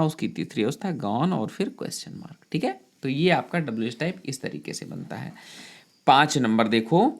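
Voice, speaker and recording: A teacher gives a step-by-step grammar lesson at an ordinary mid-range pitch. The delivery is patient and explanatory, addressing the students fondly. English words are spelled out letter by letter and sentences are dictated slowly.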